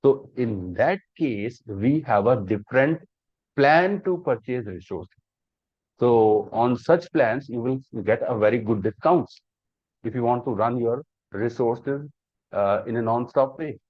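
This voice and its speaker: A man speaks in a mid-range voice at a measured pace, with no room sound, during a live online cloud computing class. Step by step, he explains and re-explains, tossing in rhetorical questions. The sound is lo-fi, dull and dry.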